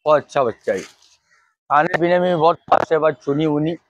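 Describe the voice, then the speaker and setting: A man selling his goats, answering in a quick, easygoing way and ending his lines with "bhai". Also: fairly high pitch, dry recording, dull audio. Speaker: goat seller. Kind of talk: casual interview answers.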